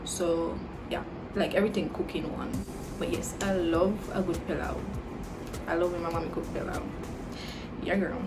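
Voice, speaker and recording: A 21-year-old woman with Jamaican and Dominican roots and a Caribbean English accent mixing both answers viewer questions in a casual Q&A vlog, chatty and relaxed with lots of "like" and "you know." Her voice is on the low side at normal speed. Loud music sits behind her, and the audio is poor.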